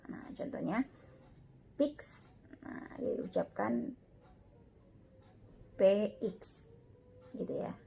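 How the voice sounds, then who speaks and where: A woman lecturer giving a recorded lesson, slow and patient, repeating each example aloud. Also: medium pitch, vocal fry, warm tone, slight background noise. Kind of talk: recorded lecture on Latin pronunciation.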